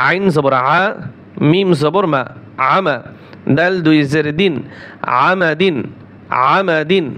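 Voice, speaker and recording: Male Quran teacher, unhurried, repetitive drill style, slightly high voice. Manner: slow, drawn-out syllable-by-syllable spelling with repetition. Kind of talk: spelling-out recitation lesson.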